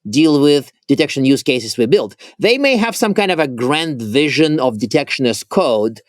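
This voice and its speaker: A man co-hosting a podcast, talking in an animated way with quick asides and self-interruptions. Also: on the high side, dry recording. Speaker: podcast co-host. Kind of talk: casual conversational chat.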